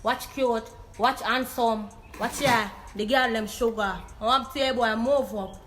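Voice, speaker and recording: A woman's voice: a little high, fairly even intonation, measured pace, fairly bright tone, a little hiss or hum. A woman with a Jamaican accent reading out comments in casual banter and answering them with sassy sarcasm. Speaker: co-host of a YouTube reaction video.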